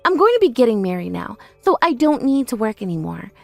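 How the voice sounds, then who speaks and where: A woman's voice: a little high, sing-song, brisk, gravelly, soft background music. A woman playing a boastful, mocking older sister in her thirties in a scripted audio story, with a haughty, taunting manner. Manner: haughty, taunting, self-praising.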